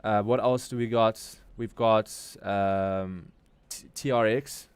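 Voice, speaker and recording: Speaking slowly and steadily, a South African man from Durban runs a crypto trading livestream with casual, slangy commentary on the markets as he mulls things over. His lowish voice has a clean tone, and there's no room sound.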